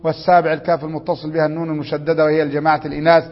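A man's voice: fairly high pitch, level tone, very fast, in a large hall, highs cut off. A man with an Egyptian accent teaching a grammar lesson, prompting students with questions and reading rules aloud. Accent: Egyptian Arabic.

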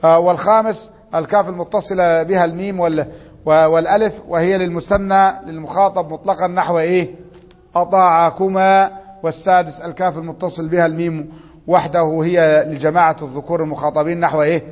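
Man, Egyptian accent, grammar teacher, quizzing students, slightly high voice, muffled sound. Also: little pitch movement, fast, big-room sound. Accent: Egyptian Arabic. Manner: quizzing, prompting students with rising questions. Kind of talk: classroom lesson with questions to students.

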